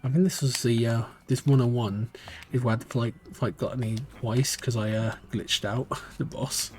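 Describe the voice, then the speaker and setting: A man's voice: mid-range voice, fairly even intonation, normal speed, darkish tone. A man with a British accent that drifts between regions, chatting and thinking aloud while he streams a live speedrun. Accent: British, shifting between regions. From Britain. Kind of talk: live-stream gameplay commentary.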